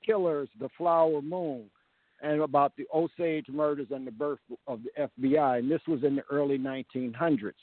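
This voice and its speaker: A man's voice: on the high side, no echo. A man giving a rambling, casual history talk over a phone call, often restarting his sentences. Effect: heard over a phone call. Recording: tinny dry phone line.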